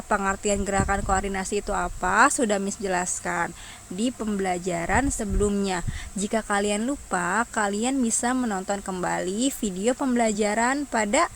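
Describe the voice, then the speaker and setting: A woman's voice: mid-range voice, slight background noise. A woman primary school teacher, giving an online lesson to young children and patiently asking them questions before answering them herself.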